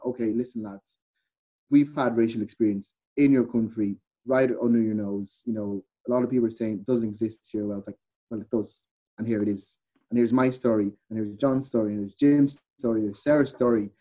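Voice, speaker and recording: The audio is poor, and the man's voice sits on the low side with a dark tone. He's an Irish podcast guest chatting casually, retelling what happened and quoting lines of conversation.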